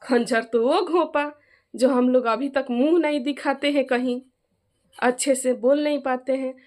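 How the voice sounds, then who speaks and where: A woman's voice: sits high, fairly even intonation, a little slow, darkish tone. A middle-aged woman with an eastern Hindi accent from Jharkhand, talking heatedly in a family vlog and insisting others back her up. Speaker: vlogger and mother of the bride.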